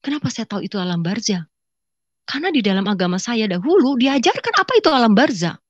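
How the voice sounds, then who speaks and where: A woman giving an emotional personal testimony, swinging from loud cries to hushed whispers. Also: on the high side, sing-song, fast, no room sound, highs cut off. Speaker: testifying guest.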